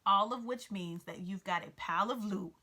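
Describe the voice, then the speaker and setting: A woman's voice: mid-range voice, normal speed, pushed and bright. A woman voicing a blunt, worldly male cat who talks in an impatient, sarcastic, no-nonsense way, reading a storybook aloud. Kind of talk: storybook read-aloud character voice.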